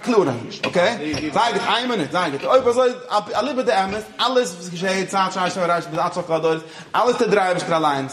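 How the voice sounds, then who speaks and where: A religious teacher with a high, fairly bright voice delivers an informal religious lecture at a brisk pace in an echoey room. He moves between Yiddish and English and keeps checking that his listeners are following.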